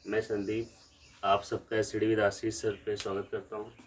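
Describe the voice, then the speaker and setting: A man's voice: lowish voice, flat delivery, normal speed. Man with a Lucknow Hindi accent, maths teacher, step-by-step explanations, rhetorical questions, distant mic, faint birdsong and room noise. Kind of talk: whiteboard maths lesson. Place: village room.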